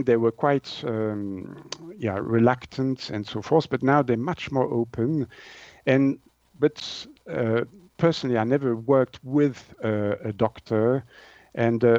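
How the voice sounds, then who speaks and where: Being interviewed here is a naturopath and author from Switzerland, a man in his sixties who speaks French natively and carries a Swiss French accent. He replies casually and haltingly, hunting for the right words, in a medium-pitched, darkish voice. The sound is lo-fi with no echo.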